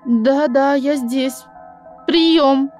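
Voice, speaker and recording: A woman playing a nervous female dispatcher who answers in slow, shaky replies over a police-style radio link. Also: sits high, darkish tone, soft background music. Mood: shaken. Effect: police-style radio transmission.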